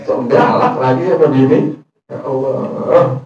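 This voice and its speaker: A man's voice: medium pitch, measured pace, a little mellow, highs cut off. A man teaching a religious lesson, telling a story in a humorous, colloquial way with Arabic recitation, recorded in a prayer hall. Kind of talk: sermon. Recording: very echoey, far from mic.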